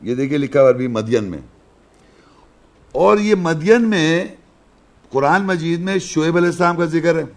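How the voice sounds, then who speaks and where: A man's voice: fairly high pitch, pauses often. Man explaining scripture with rhetorical questions. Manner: conversational explaining, asks rhetorical questions, chants verses. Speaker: religious teacher. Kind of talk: Quran lesson, explaining verses.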